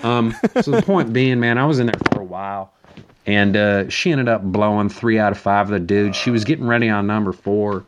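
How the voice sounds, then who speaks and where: A man's voice: fairly low pitch, fairly quick, noisy background. A man delivering a rambling, profane comic monologue, repeating words and stammering as he goes. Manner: crude, foul-mouthed.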